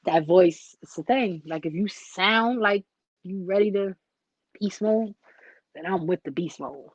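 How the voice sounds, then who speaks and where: A woman chatting casually into the camera, telling an animated story full of "like" and asides. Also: medium pitch, unhurried, no room sound, muffled recording. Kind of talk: casual vlog chat.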